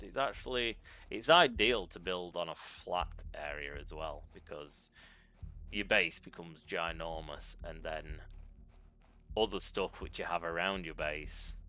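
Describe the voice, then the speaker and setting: Low in pitch yet bright and forceful, a man talks through a video game for his channel using a desk microphone. It's casual commentary, full of ums and mid-sentence self-corrections as he thinks aloud.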